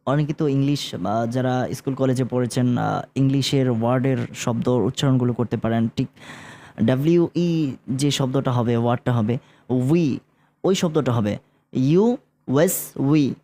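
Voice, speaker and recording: A man with a Bangladeshi Bengali accent teaching Quran recitation, explaining sounds in relaxed talk and chanting verses slowly and drawn out. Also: medium pitch, slight background noise. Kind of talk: relaxed spoken lesson with slow chanted recitation.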